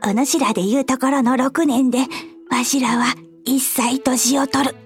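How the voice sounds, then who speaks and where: A woman's voice: sits high, a little mellow, lightly acted. A woman acting an elf over a hundred years old in a fantasy drama, with archaic old-lady speech and a playful, bossy manner. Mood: indignant. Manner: archaic old-person speech, drawn-out delivery. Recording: music under the voice.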